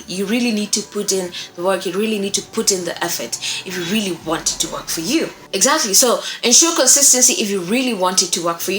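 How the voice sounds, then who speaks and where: Speaking to camera from a small, echoey indoor room with faint music playing, a young adult voice acting instructor walks viewers through a relaxed, upbeat lesson. She has a medium-pitched, fairly bright voice and restates the important points to drive them home.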